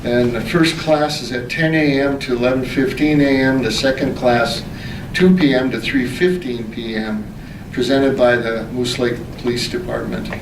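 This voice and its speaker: Reading reports formally as he leads a city council meeting through its agenda, this mayor speaks at normal speed with a medium pitch and fairly even intonation. The sound comes from a distant mic in an echoey indoor meeting room with noise in the background.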